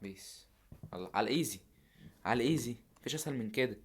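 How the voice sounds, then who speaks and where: A young man with an Egyptian Arabic accent, casually commenting while playing a game, muttering to himself with sudden loud outbursts. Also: mid-range voice, lively intonation, very fast, a little hiss or hum. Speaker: gamer streamer.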